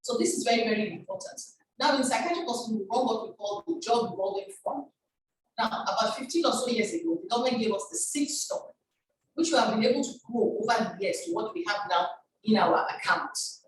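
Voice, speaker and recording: An older woman giving a formal, measured presentation as a guest speaker, heard over a conference call. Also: a little high, animated. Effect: conference call audio. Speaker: guest speaker, chief pharmacist. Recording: echoey, distant online conference call with background noise.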